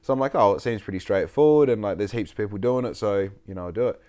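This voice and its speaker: A man's voice: lowish voice, fast talker, mellow. Sweary Australian man in his late twenties. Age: 20s. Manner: rambling and sweary, storytelling. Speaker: podcast host. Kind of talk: casual chat.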